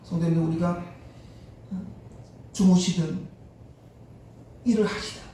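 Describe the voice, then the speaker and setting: A man's voice: high-pitched, a little slow. Man, pastor, sermon, acts out story characters, heavy church echo, distant mic. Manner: animated storyteller acting out quoted speech. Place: church sanctuary. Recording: echoey church hall, distant mic, faint noise.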